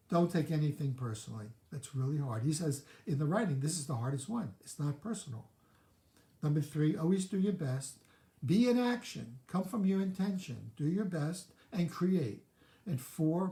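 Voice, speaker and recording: A man's voice: on the high side, mellow, echoey room. A man hosting a live self-help show, talking through his own reactions in a candid, reflective way. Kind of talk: live-streamed teaching talk.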